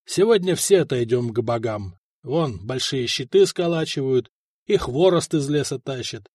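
A man voicing a weary, blunt soldier who speaks low and fatalistic, in a storybook reading. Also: lively intonation, moderate pace, a little mellow, husky, no room sound, clean studio sound. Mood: gloomy. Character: weary grim male soldier, blunt and gloomy.

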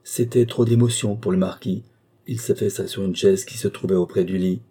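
Male audiobook narrator, measured literary delivery, low pitch, very dark husky timbre. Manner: measured, even literary reading. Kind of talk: scripted narration.

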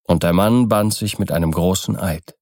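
A man narrating an audiobook in a calm, measured storytelling manner. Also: low voice, no room sound, clean studio sound. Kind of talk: scripted narration.

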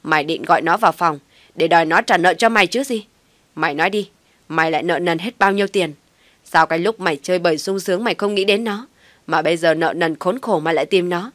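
A woman voicing a furious elderly father who shouts harsh insults at his son in a storybook reading. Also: fairly low pitch, fast talker, no echo, natural voice. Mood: furious shouting.

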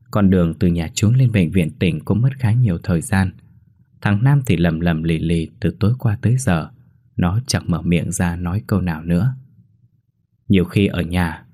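A man reading a horror story in a steady, measured way. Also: low voice, no room sound, studio quality. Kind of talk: scripted horror narration.

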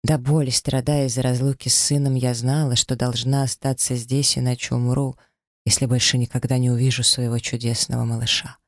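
A man's voice: mid-range voice, level tone, fairly quick, no echo, studio quality. A man reading a first-person story as an audiobook narrator, dramatic and emotional.

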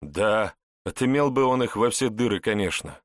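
A man's voice: lowish voice, lively intonation, moderate pace, no echo, clean studio sound, voice pushed up, lightly acted. A man voicing a brash young male suspect who talks back in heated slang, in an audiobook. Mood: puzzled.

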